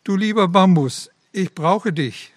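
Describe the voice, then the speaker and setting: A grave, stern master of the garden speaks slowly and seriously in a storybook parable, read by a man. His voice sits slightly high, and the sound is dry and close. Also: dry recording. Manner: solemn, serious.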